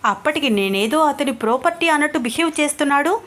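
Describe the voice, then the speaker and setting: A woman's voice: high-pitched, steady tone, moderate pace, pitched above the performer's own voice, lightly acted. A woman storyteller voicing a timid, easily frightened young woman who complains plaintively to herself. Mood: indignant.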